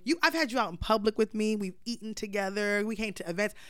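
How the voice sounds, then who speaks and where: A woman's voice: mid-range voice, fast talker, clean tone, dry recording, clean studio sound. A young woman in her twenties co-hosting a podcast, telling a story in casual chat and acting out the dialogue, blunt and profane.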